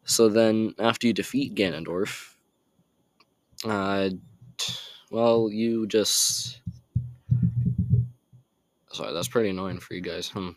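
A teenage boy talks through a game's story in an unhurried, meandering way, often drifting off track. His voice sits on the low side and sounds dry and close. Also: steady tone, dry recording. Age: teens. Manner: rambling, easily sidetracked, apologetic asides. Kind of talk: casual game recap.

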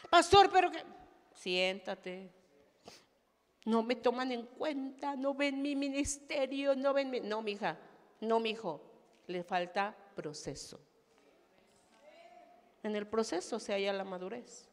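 High-voiced woman pastor preaching emphatically. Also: measured pace, darkish tone, in a large hall. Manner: emphatic, acts out quoted voices. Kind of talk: sermon with personal testimony.

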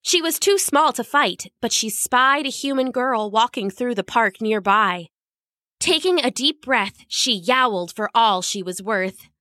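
Woman storyteller, scripted story narration, animated, bright voice, dry close sound. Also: on the high side, a little slow, dry recording. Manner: expressive, lively reading.

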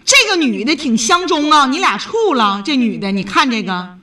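A woman's voice: high-pitched, lively intonation, moderate pace, bright, forceful tone, far from the mic. A woman hosting a call-in advice show, lecturing callers firmly and raising her voice to get through to them. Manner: firm, lecturing, raises her voice. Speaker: radio advice host.

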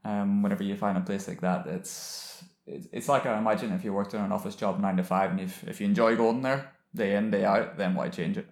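A man from Ireland hosts a casual interview, friendly and teasing with loose phrasing. His voice sits on the low side. The room gives it a noticeable echo. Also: steady tone, fairly quick, few pauses. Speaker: podcast host.

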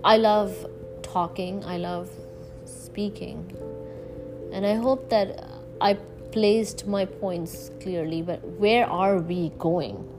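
A woman speaking as a podcast host in a reflective solo monologue, halting and searching for words, then stressing key words. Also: mid-range voice, steady tone. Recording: music bed behind the voice. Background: music.

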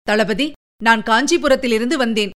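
Brief: a woman playing a respectful young warrior in a radio story, polite, fairly high voice. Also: normal speed, lightly acted. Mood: humble. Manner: polite, deferential replies. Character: humble young male warrior messenger.

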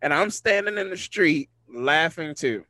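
A man's voice: a little high, expressive, measured pace, sharp tone, no echo. A man telling a funny personal story in casual chat, often laughing as he talks.

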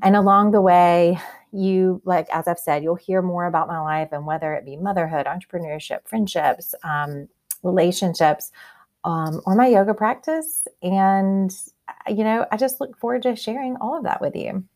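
Woman, podcast host, deep-pitched, fry in the voice, conversational, earnest, reflective. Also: normal speed, darkish tone.

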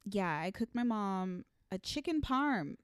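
A woman's voice: mid-range voice, big pitch swings, measured pace, clear, resonant tone, dry recording, clean studio sound. A woman hosting a casual chat show, talking in a playful, theatrical show-host way. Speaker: podcast host.

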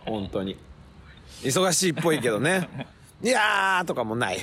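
A comedian chatting casually with a friend, roughly and loosely, often acting out other people's lines in a loud, high voice. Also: male voice, big pitch swings, moderate pace, a little hiss or hum. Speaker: comedian podcast host. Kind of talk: casual chat recorded outdoors. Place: city park at night.

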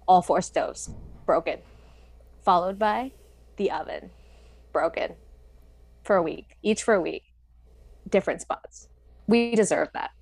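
A young woman co-hosting a podcast, chatting casually and complaining in a relaxed, wry way. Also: medium pitch, gravelly, no echo. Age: young adult. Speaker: podcast co-host. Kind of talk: casual chat.

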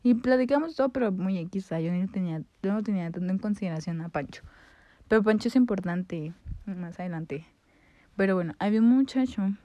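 A woman's voice: mid-range voice, brisk, mellow, dry recording. A young woman with a Mexican accent, telling a casual, slangy story about her school days and swearing freely. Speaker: vlogger.

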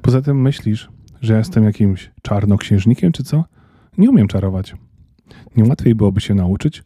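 Man as a fussy, wary little elf; grumbling and reluctant, dark husky storybook voice. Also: lowish voice, lively intonation, normal speed, dry recording, clean studio sound. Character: fussy small male Christmas elf, wary.

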